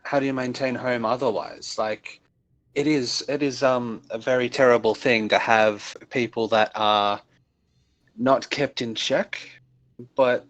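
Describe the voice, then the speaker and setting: A man's voice: mid-range voice, dull audio. A man speaking hesitantly in a casual panel discussion, searching for words.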